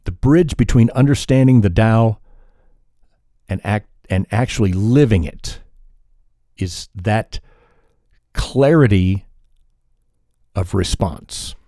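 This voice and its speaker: Speaking solo on his podcast, a man with a voice on the low side stays calm and reflective, measuring his words and occasionally stopping or fixing a sentence midway. The studio sound is clean, with no room sound.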